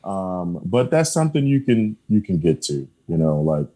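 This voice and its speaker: A man's voice: deep voice, sing-song, moderate pace, dark tone. A man talking as a podcast guest in casual conversation, earnest and emphatic, often repeating his affirmations and laughing between points.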